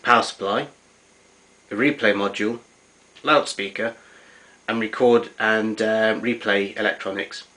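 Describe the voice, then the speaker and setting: In a home kitchen, a vintage tape recorder collector gives an unscripted, matter-of-fact hands-on demonstration of his equipment. His fairly low voice is sharp and fairly even, moving at a measured pace with frequent pauses, and the amateur camera audio is noisy.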